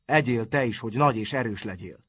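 A man voicing an always-hungry, grumbling schoolboy with a husky voice. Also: medium pitch, close to an everyday voice. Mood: gruff. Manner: grumbling, muttering.

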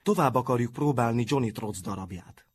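A man voicing a polite but hot-tempered top-student boy, with a husky voice. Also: medium pitch, close to an everyday voice. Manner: indignant, formally polite.

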